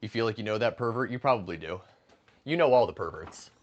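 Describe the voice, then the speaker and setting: A man's voice: on the low side, lively intonation, fast, lo-fi sound. A man in his late twenties chatting casually and profanely with his livestream chat while he cooks, joking and reading messages aloud. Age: late 20s. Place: home kitchen, stepping outside to smoke.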